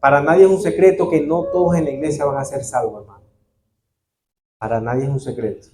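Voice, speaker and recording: A man's voice: on the high side, steady tone, fast talker, crowd noise. A man preaching a sermon in a church, earnest and calling the congregation brother.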